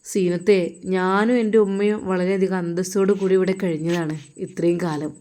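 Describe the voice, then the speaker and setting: A woman voicing a young male madrasa teacher with a Malappuram accent, who talks calmly and asks plain questions. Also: on the low side, normal speed, lightly acted. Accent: Malappuram Malayalam.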